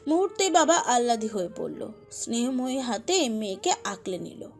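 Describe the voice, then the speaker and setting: Woman storyteller, high voice, emotive scripted narration over soft music. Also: very animated, normal speed. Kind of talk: dramatic scripted narration of a romantic audio story.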